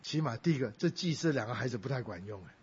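Telling a family story during his sermon, a middle-aged pastor talks fast in a husky, mid-range voice with lively intonation, getting louder when quoting people. The audio is dull lo-fi.

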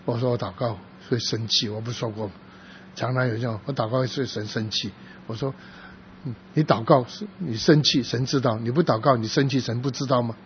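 A man preaching in a sermon, telling a story from his church work in a halting, soft-spoken way, with frequent restarts. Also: medium pitch, steady tone. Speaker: pastor. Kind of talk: sermon testimony. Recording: dull lo-fi with faint noise.

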